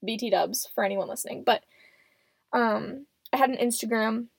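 Recording into a microphone inside a small closet at home, a seventeen-year-old podcast host chats on her own without a script, rambling and poking fun at herself. She talks at a moderate pace in a fairly high voice with vocal fry, and the sound is dry, close and muffled.

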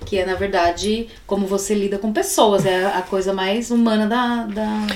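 A woman's voice: mid-range voice, steady tone, moderate pace, darkish tone. A Brazilian woman in her thirties, a podcast guest talking in emphatic, casual chat. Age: 30s. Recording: echoey room.

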